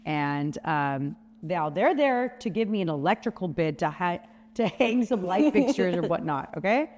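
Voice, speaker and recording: A woman podcast host telling stories in casual chat, lively, and acting out what people said. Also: fairly low pitch, moderate pace. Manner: animated storyteller, acts out quotes. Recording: long reverb with a faint hum.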